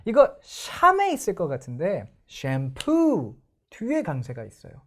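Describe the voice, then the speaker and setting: A woman's voice: medium pitch, wildly swooping pitch, normal speed. A young woman teaching English pronunciation in an online lecture, explaining and putting questions to the viewers.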